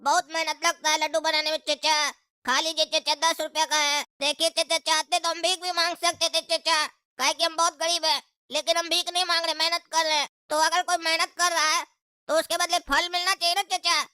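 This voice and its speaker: A woman's voice: extremely high pitch, flat delivery, brisk, bright, forceful tone, dry recording, studio quality. A woman voicing a poor young sweets hawker who coaxes and pleads with a passenger in a cartoon comedy. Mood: coaxing. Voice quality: pushy, pleading.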